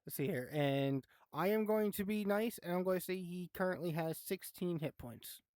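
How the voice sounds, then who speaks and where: A relaxed game master guides the players through a tabletop session in a loose, chatty manner and laughs easily. The voice sits at a middle pitch and sounds close and dry, with no room around it. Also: moderate pace, dry recording. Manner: laid-back, chatty, laughs often, swears. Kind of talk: running a tabletop game live.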